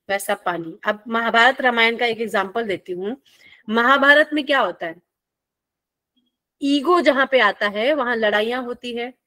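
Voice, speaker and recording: A woman teacher lectures in a friendly, playful way and keeps checking in with her students. Her voice sits a little high, and she. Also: bright, forceful tone, dry recording. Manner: friendly, playful teaching with call-and-response questions. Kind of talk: classroom lecture.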